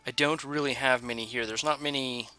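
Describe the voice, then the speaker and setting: Man, young adult, let's play host, very bright tone, rambling commentary, faint music underneath. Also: mid-range voice, steady tone, fairly quick, smooth. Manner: rambling, self-correcting, thinks aloud. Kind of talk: casual gameplay commentary.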